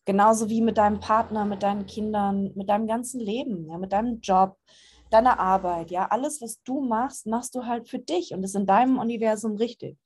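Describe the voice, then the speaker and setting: A woman's voice: medium pitch, fairly even intonation, a little fast, a little mellow, slightly rough. A woman giving a casual, earnest talk as a spiritual course teacher, reassuring listeners and dropping frequent "ja" fillers.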